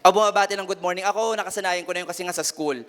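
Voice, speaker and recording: A young man giving a lively youth sermon as pastor, switching into voices of family members as he tells stories. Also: high voice, very fast, clean tone. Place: church hall. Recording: long hall reverb.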